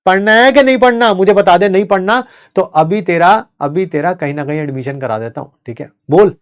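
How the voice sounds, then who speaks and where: A man's voice: fairly high pitch, warm tone, natural voice. A man acting out a stern father who nags and threatens his teenage son over skipped studies. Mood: angry. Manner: scolding, threatening, rapid nagging.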